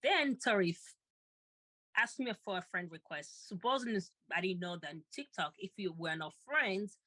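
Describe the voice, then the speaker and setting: Woman co-host, bright voice, dry close sound, keeps repeating herself. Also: medium pitch, dry recording. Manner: animated, repeats herself, quick laughs. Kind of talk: emotional personal storytelling.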